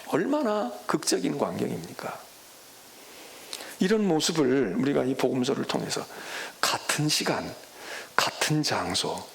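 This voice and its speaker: Gravelly, animated man preaching a sermon. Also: mid-range voice. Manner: dramatic, acts out biblical voices, swings between loud exclamations and hushed whispers. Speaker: senior pastor. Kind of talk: expository sermon.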